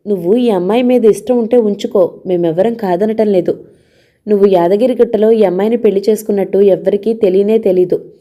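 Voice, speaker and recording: A woman's voice: mid-range voice, dark tone, natural voice. A woman voicing a domineering middle-aged man who harshly scolds and threatens his younger brother in an audio novel.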